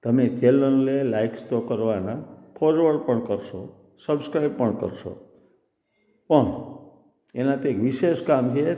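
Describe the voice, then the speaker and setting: A man's voice: medium pitch, warm tone. A man telling a children's story, explaining words like a teacher. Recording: echoey room with long reverb.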